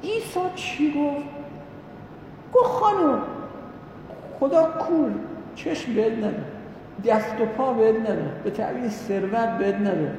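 High-voiced man preaching in echoing hall. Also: gravelly, long pauses. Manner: animated storyteller voicing quoted characters. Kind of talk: religious storytelling sermon. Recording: echoey hall with long reverb, faint noise.

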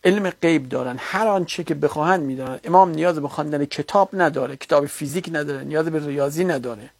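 A man's voice: high voice, no room sound. Dry-sounding man giving an argumentative religious lecture. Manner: argumentative, rising to heated rebuttal.

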